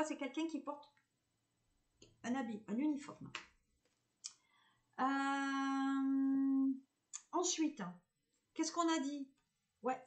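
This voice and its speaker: Woman medium, southern French accent, fairly high voice; chats and reassures viewers through a live card reading, halting often. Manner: chatty and reassuring, hesitant with many fillers. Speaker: medium giving a tarot reading.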